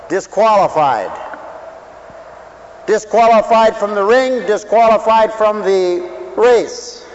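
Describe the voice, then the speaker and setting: A man preaching a sermon, swinging between loud calls and low asides and asking the crowd questions. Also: muffled recording, slight background noise.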